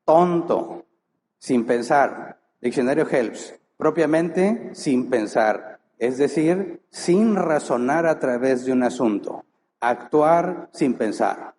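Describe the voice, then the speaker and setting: A man's voice: mid-range voice, expressive, slow, a little mellow, a little hiss or hum. A man preaching a sermon as pastor, emphatic, full of rhetorical questions. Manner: rhetorical questions, emphatic, acts out short quoted lines. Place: church hall. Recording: long hall reverb.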